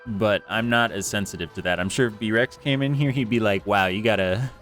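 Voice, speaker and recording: A low-voiced man rambles through a casual gameplay stream from a home room with an air conditioner, speaking into a close desk mic fitted with a foam screen. He talks fairly quickly in a fairly bright tone, full of fillers and self-deprecating remarks, with faint music in the background.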